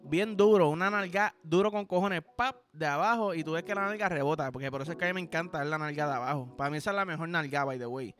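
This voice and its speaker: A man with a Puerto Rican accent riffs crudely and playfully as a podcast host, his voice sitting notably high. Music plays clearly behind him. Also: quick pace, hardly any pauses, a bit bright. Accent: Puerto Rican Spanish. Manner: rambling, playful, profane. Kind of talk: crude comedic podcast monologue.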